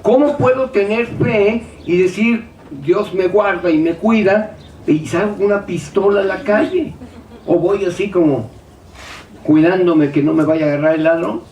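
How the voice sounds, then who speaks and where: A man's voice: high voice, measured pace, darkish tone, slight background noise. A man preaching a sermon, firing rhetorical questions and acting out the doubts of his listeners. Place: church hall. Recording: echoey hall, speaker far from mic.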